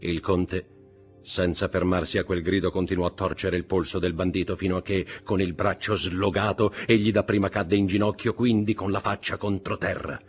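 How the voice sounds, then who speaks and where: A man's voice: sits low, level tone, moderate pace, breathy edge, soft background music. An Italian man narrating a classic novel as an audiobook, telling the story vividly and expressively. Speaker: audiobook reader.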